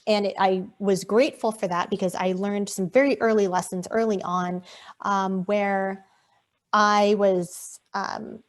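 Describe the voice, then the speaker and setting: A woman's voice: medium pitch, fairly even intonation, unhurried. A woman from Arizona answering interview questions over a video call in an articulate, poised way. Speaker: guest.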